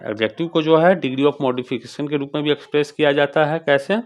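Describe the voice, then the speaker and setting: A man teaching an English grammar lesson, reading English lines slowly and explaining fast in Hindi while asking the class questions. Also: fairly high pitch.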